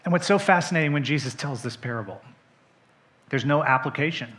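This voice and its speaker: Emphatic male pastor, bright voice. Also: medium pitch, brisk. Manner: swings from soft, hushed lines to loud, emphatic ones; speaks straight to the congregation. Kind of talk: sermon. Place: church sanctuary.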